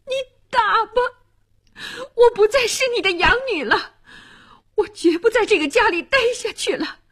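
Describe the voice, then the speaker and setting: A woman voicing a tearful, shrill young girl. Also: animated, moderate pace, fairly bright tone. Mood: defiant. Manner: high, pleading, near crying.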